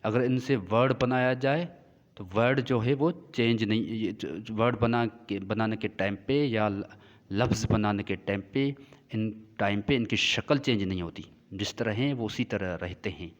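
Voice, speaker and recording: A male teacher giving a classroom lecture, explaining slowly and repeating points as he checks that the class follows. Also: fairly low pitch. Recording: dull lo-fi sound with long reverb.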